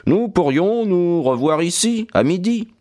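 A man reading an audiobook, voicing a sharp, guarded male detective with a brisk, reserved manner. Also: high-pitched, animated, pitched above the performer's own voice.

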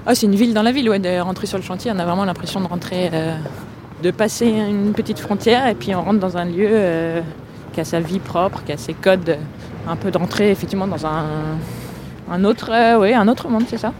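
A woman's voice: mid-range voice, fairly quick, background noise. A woman in her forties from Paris, an archaeologist guiding visitors and talking with frequent hesitations. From Paris, France. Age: 40s. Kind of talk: guided tour interview.

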